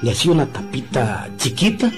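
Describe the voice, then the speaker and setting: A man's voice: medium pitch, sing-song, a little fast. Man narrating over music. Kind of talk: scripted radio narration.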